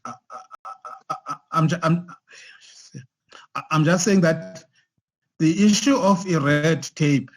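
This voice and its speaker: Man on a glitchy breaking-up call. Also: on the high side. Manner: halting, repeats words when restarting. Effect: choppy, breaking-up online call audio. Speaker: official speaking at a consultation. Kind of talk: formal meeting talk over a video call. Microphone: remote call connection.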